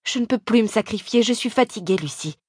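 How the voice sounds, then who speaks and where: A woman's voice: fairly high pitch, lively intonation, a little fast, breathy edge, no room sound, studio quality. A woman reading the lines of a worn-out, guilt-ridden young man in an audiobook, with tense, apologetic pleading. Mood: weary, pleading. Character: guilty, worn-out young man leaving his sick wife.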